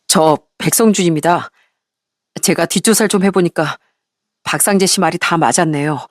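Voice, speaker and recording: A woman's voice: on the low side, moderate pace, dry recording, clean studio sound, lightly acted. A woman voicing a polite young man who earnestly thanks someone over the phone. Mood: grateful.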